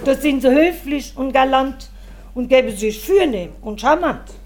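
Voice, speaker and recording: A woman performs a rhymed comic monologue on stage. Her voice sits high, and she lets each line land slowly and deliberately. Her delivery is dry and wry. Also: animated. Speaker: comedian.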